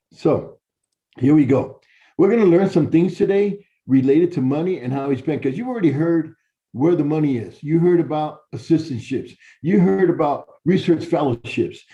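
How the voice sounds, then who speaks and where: A middle-aged professor from Chicago, Illinois, has a very dark, mellow voice pitched fairly high. He gives students a conversational lecture of personal stories, addressing them directly while repeating words and restarting, and the sound is dull and lo-fi.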